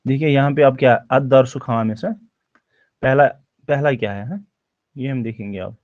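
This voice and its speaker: A man teaching a recorded lecture, explaining slowly, repeating words and checking in with his students. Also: mid-range voice, dry recording. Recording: dull dry lo-fi recording.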